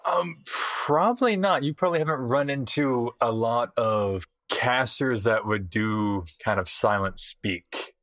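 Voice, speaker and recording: A man acting as game master, narrating a tabletop game in a relaxed, hesitant way. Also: medium pitch, a little slow, hardly any pauses, no echo, studio quality. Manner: relaxed, hesitant, many fillers.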